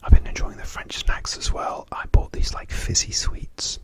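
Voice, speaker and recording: A British man whispering casual, wandering ASMR rambles, hesitating and repeating words softly. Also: moderate pace. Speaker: ASMR video host. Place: hotel room.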